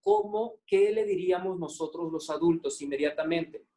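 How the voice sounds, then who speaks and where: A man gives a webinar talk to teachers, his voice sitting somewhat high for a man. He talks conversationally, leaning on "eh" and "este" fillers. He keeps checking in with the listeners through rhetorical questions. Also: moderate pace, warm tone. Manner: conversational, asks the audience frequent check-in questions. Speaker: psychologist giving a teacher webinar.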